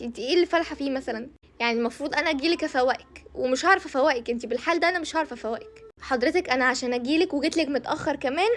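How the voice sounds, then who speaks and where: A nagging study conscience that lectures at speed, high-pitched, sarcastic and quick, with an Egyptian accent, as a woman puts her on for a comedy sketch. She teases and scolds without stopping. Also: a bit bright. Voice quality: quick, teasing, lecturing delivery.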